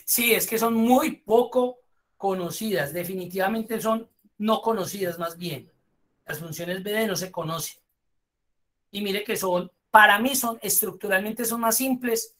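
A woman's voice: medium pitch, measured pace, a bit bright. A woman teaching a spreadsheet course online, explaining step by step and praising her students.

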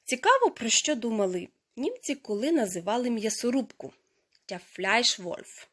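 A woman gives a language lesson at a medium pitch. She explains grammar in careful steps. Each foreign word is repeated slowly and distinctly so listeners can follow. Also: big pitch swings. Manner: slow, careful pronunciation of foreign words. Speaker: language teacher. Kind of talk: teaching a lesson.

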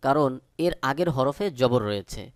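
A man teaching Quran recitation in Bengali-accented speech. He spells each letter and vowel mark, then recites the words slowly. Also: medium pitch, expressive, smooth, no room sound, clean studio sound. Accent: Bangladeshi Bengali. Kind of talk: step-by-step recitation lesson.

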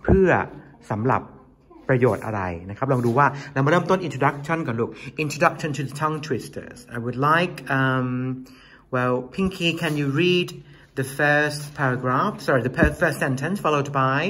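Thai man teaching English slowly. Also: on the high side, fairly bright tone. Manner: mixes Thai and English, coaxing students. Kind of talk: classroom teaching. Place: classroom.

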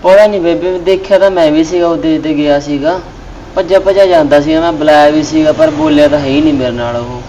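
An actor playing an evasive young village friend. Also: male voice, fairly high pitch, animated, quick pace, warm tone, slight background noise. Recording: far from the mic.

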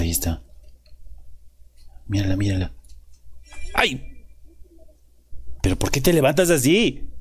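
A young man streaming a game live, joking and talking to the characters, jumping from loud outbursts to hushed whispers. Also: fairly low pitch, breathy edge. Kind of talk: live gameplay commentary.

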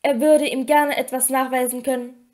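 A woman voicing an alert teenage schoolboy in a storybook reading, calling out sharply into the dark. The voice sits high and carries a youthful edge. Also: level tone, normal speed, natural voice. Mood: musing. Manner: calls out sharply.

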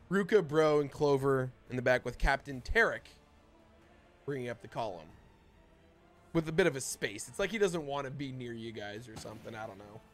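A man's voice: mid-range voice, moderate pace, a bit bright, soft background music. A man narrating a tabletop fantasy game as the game master, in loose, rambling narration full of restarts. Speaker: dungeon master.

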